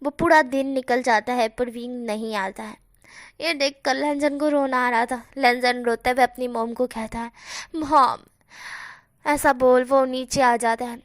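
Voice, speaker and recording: A woman's voice: a little high, steady tone, moderate pace, dry recording, studio quality. A woman narrating a fanfiction story casually, often stopping to explain things to her viewers in a chatty way.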